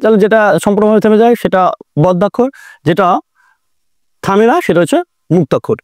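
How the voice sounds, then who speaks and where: A man's voice: high-pitched, darkish tone, no echo, studio quality. A man teaching an online grammar lesson, repeating key points and drawing out words for emphasis. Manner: repetitive, explanatory, drawn-out emphasis.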